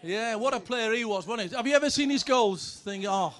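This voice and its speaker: A man's voice: high voice, animated, fairly quick, fairly bright tone. A middle-aged man, a former footballer, telling brash comic anecdotes with sweary punchlines. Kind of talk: comic anecdotes, stand-up storytelling.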